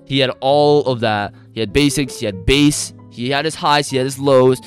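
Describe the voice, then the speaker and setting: A man's voice: medium pitch, moderate pace, faint music behind. A man hosting a beatbox reaction video, talking casually and rambling with fillers. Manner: excitable, gushing exclamations, rambling with fillers.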